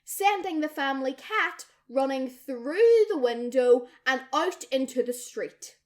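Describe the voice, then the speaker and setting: A woman's voice: sits high, measured pace. A young woman co-hosting a podcast, telling a story in casual chat, swearing freely and acting out what people said. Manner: lively, swears freely, acts out quoted people. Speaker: podcast co-host.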